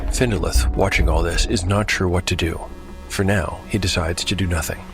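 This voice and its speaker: Over loud music, a man narrates a tabletop role-playing game as a dramatic story, theatrically calling out the dice rolls as solo narrator and player. His voice sits low, steady and moderately paced, with vocal fry.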